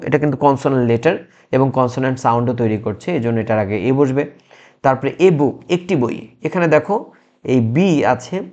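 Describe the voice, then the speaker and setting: A man teaching English grammar in a recorded lesson, explaining slowly and patiently with frequent restarts and fillers. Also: a little high, darkish tone. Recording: muffled lo-fi sound.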